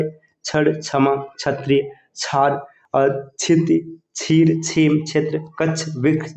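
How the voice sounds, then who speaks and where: A man's voice: fairly high pitch, darkish tone. A man teaching an exam-prep lecture, patient and careful, sounding out example words one by one and checking in with the class. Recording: echoey room.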